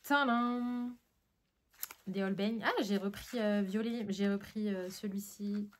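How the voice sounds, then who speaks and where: A French woman vlogging casually at home as she unboxes art supplies, sniffly from a tickling nose, chatty and excitable with lots of fillers. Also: medium pitch, slow, slight background noise.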